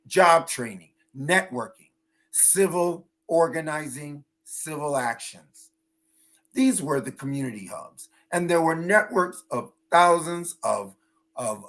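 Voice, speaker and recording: With a medium-pitched, slightly bright voice, this engineer and cultural rights advocate argues passionately on a virtual panel, explaining his case, emphasizing key points and frequently checking that the listener is following.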